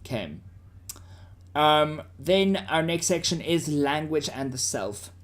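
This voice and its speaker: A South African man with a somewhat high, slightly bright voice teaches students slowly and with animation. His style is informal and conversational, and he often checks that they're following along.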